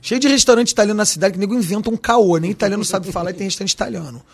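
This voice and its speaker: Husky Carioca man, slangy and emphatic. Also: sits high, rapid-fire. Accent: Carioca Portuguese. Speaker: restaurant owner. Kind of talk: podcast interview.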